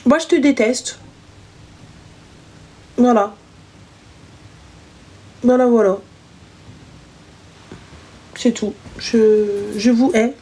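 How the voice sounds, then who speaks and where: High-pitched, animated young woman hosting live. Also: extremely slow, long pauses, husky. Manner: animated, slangy, teasing, big-sister advice. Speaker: live stream host giving advice. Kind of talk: casual live chat with callers.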